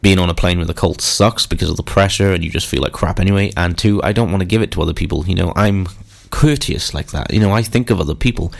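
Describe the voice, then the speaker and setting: Man, low-pitched, stuffy nasal voice with a head cold, casual radio presenter, chatty rock show links. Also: quick pace, gravelly. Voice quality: nasal, bunged-up stuffy nose. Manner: informal, chatty. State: congested with a cold.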